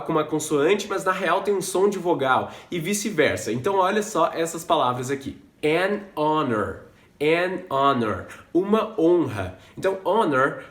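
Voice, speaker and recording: A man who speaks Portuguese natively teaches English in a casual, patient lesson, slowing down to model words. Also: a little high, fairly bright tone. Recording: roomy echo.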